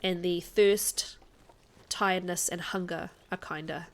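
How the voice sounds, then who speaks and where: A woman's voice: fairly low pitch, steady tone, measured pace. A woman with a mild New Zealand accent, chatting casually and jokily as she streams a game live. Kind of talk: casual livestream chat over gameplay.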